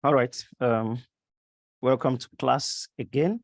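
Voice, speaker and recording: Slow gravelly man with a sore throat. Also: mid-range voice, no room sound. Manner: slow, halting, many fillers. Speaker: online coding instructor. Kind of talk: live online class lecture. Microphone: computer mic on a video call.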